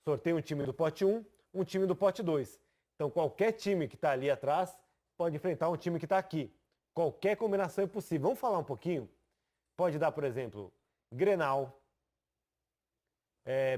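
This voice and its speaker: A man with a somewhat high voice leads a studio sports analysis. He explains with lively emphasis, walking viewers through results and on-screen tables. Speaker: sports TV presenter.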